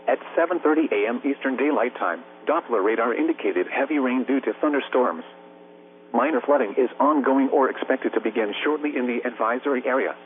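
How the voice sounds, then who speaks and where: A male text-to-speech voice at mid-range pitch reads a scripted weather bulletin like a radio announcer, formal and measured. The narrowband weather radio broadcast is noisy, with hum and static throughout.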